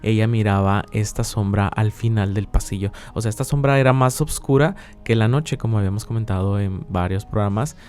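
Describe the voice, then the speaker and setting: A man's voice: lowish voice, a little fast, hardly any pauses, a little mellow, soft background music. A man co-hosting a podcast, telling paranormal stories in a casual, conversational way. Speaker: podcast co-host.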